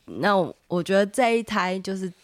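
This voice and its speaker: A woman's voice: mid-range voice, lively intonation, moderate pace, no room sound, studio quality. A pregnant woman in her thirties with a Taiwanese Mandarin accent, hosting a podcast in casual chat and laughing often. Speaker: podcast host.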